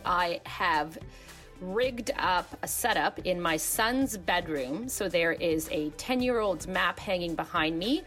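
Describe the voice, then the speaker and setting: A woman's voice: fairly low pitch, a bit bright. A woman co-hosting a podcast in a conversational way, recorded in a makeshift bedroom booth with a towel hung to dampen the sound. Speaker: podcast co-host, personal finance editor.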